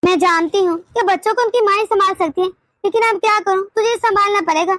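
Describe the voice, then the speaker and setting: A woman's voice: extremely high pitch, fast, fairly bright tone, no room sound. A woman voicing a tired old grandmother in a cartoon, complaining of a headache and grumbling. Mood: pleading tired. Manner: weary, complaining. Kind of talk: cartoon dubbing.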